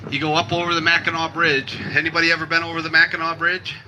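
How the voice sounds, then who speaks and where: A man's voice: fairly high pitch, monotone, fast, bright, forceful tone, a little hiss or hum, rough recording. A man from Michigan emceeing an outdoor timber show, cracking jokes and teasing the crowd. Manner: wisecracking, self-deprecating, teasing the audience. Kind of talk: joking crowd banter over a PA. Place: outdoor festival stage.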